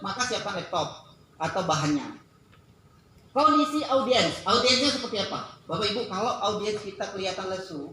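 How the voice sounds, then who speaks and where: A man's voice: sits high, bright, forceful tone, heavy reverb, a little hiss or hum, rough recording. A man giving a workshop talk to an audience, acting out little dialogues in playful voices. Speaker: workshop presenter. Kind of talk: lively seminar talk.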